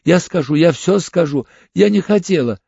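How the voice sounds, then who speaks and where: A man's voice: on the high side, lively intonation, moderate pace, gravelly, warm tone, breathy edge, dry recording, pitched above the performer's own voice, full character voice. A male audiobook reader voicing a frightened, hysterical woman under arrest, panicked and pleading near tears. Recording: dull lo-fi audiobook recording.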